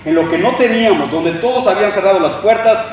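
A man preaching a sermon as pastor, impassioned, slowing down to stress his points. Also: sits high, slight background noise. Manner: impassioned preaching, slows for emphasis. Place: church sanctuary. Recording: echoey room, preacher far from mic.

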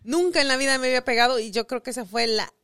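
A woman from Mexico telling a family story on a casual podcast. Her voice sits fairly high, and she circles back and corrects herself as she goes. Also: very fast, fairly bright tone. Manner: rambling, self-correcting storytelling. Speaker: podcast co-host.

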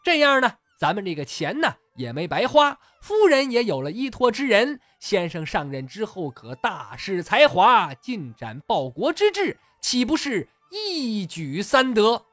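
Scheming old secretary con man, put on by a storyteller, pleading, flowery old-style talk, lively swooping pitch. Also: measured pace, hardly any pauses, dry recording, faint music behind.

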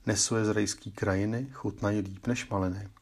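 A man voicing a gentle, loyal little male songbird in a fairy tale, speaking in soft singsong rhymes. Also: lowish voice, level tone, slightly rough. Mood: tender singsong. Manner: soft singsong rhyming lines.

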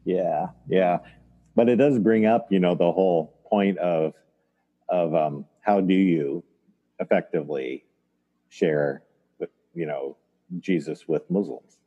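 Low husky guy on a video call, dull lo-fi audio, talks slow and thoughtful, dark mellow tone. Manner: thoughtful, halting, looks back on the past. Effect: voice heard over a video call. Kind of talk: reflective conversation.

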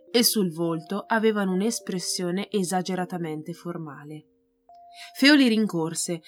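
A woman reads a novel aloud, telling the story in an expressive, measured way. Her voice sits at a middle pitch, and faint music plays beneath the reading. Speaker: reader.

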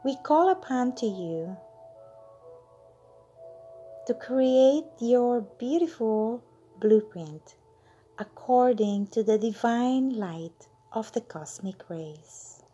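A woman leading a channeled guided meditation, soothing and drawn out, with lines that fade into breathy whispers. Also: fairly high pitch, lively intonation, takes it slowly, mellow, soft background music.

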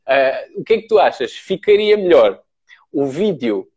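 A man's voice: a little high, sing-song, normal speed, a little mellow, breathy edge, muffled recording. A man with a European Portuguese accent in a casual, slangy conversation, talking as an entrepreneur about his work. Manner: informal, slangy. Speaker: entrepreneur, brand owner. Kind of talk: casual chat.

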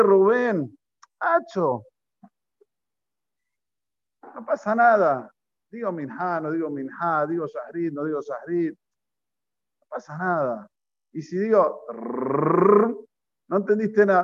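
A man giving a Torah class as a rabbi, animated, firing rhetorical questions and repeating phrases for emphasis. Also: high voice. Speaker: rabbi teaching. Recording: slightly dull lo-fi recording.

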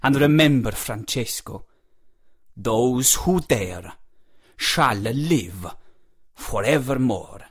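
A man voicing a wild-haired old master inventor who speaks in grand, booming pronouncements. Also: lively intonation, extremely slow, pauses often, breathy edge, exaggerated voice. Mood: grandiose.

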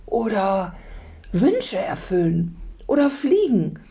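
A woman reading aloud as a curious, excited little girl who whispers eager questions. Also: medium pitch, slow pace, highs cut off, pitched above the performer's own voice.

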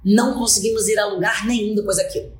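A woman's voice: medium pitch, steady tone, fast talker. A woman on a podcast, telling a story in a casual, dramatic way and acting out the people in it. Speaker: podcast co-host. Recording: roomy echo.

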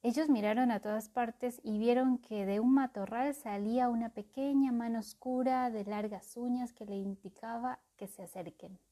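A woman reading a children's story aloud, expressive with soft narration. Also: a little high, normal speed, few pauses.

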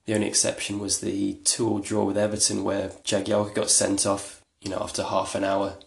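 Low gravelly man in an echoey room. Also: monotone, a little fast. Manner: rambling, self-deprecating, chatty. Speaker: podcast host. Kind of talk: casual solo podcast talk.

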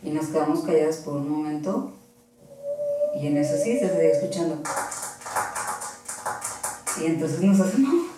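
A woman's voice: low-pitched, lively intonation, normal speed, pauses often, background noise. Woman, Mexican accent, rambling storytelling, distant mic, very echoey room. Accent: Mexican Spanish. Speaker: guest. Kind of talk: casual storytelling.

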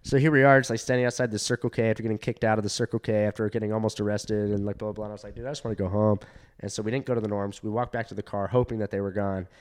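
A man who does stand-up telling a long story in casual chat, full of fillers, swearing and animated quoted voices. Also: on the low side, very fast, clear, resonant tone. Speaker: stand-up comedian.

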